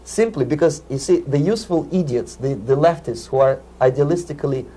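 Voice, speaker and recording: A man's voice: fairly high pitch, expressive, brisk, dark tone, slight background noise. A man from the Soviet Union with a Russian accent, giving earnest, lecturing answers in an interview and often repeating words as he searches for them. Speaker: interview guest.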